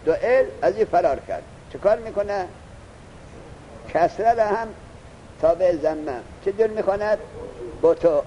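A man teaching a lesson. He reads the text slowly, explains it, and keeps asking his student questions. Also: high-pitched, lively intonation, mellow, muffled recording, a little hiss or hum. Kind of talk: classroom lesson.

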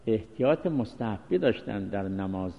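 Low-ish guy teaching a seminary class, slow careful phrases, dull lo-fi recording. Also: expressive, creaky, a little hiss or hum. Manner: measured, explanatory, short phrases with pauses. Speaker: teacher of Islamic law. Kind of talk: seminary lecture. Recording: dull lo-fi recording with long reverb.

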